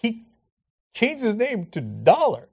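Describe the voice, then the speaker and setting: A man's voice: very high voice, wildly swooping pitch, slow, creaky, a little mellow, breathy edge, highs cut off. A man giving mocking political commentary, sarcastic and incredulous, often slipping into exaggerated voices.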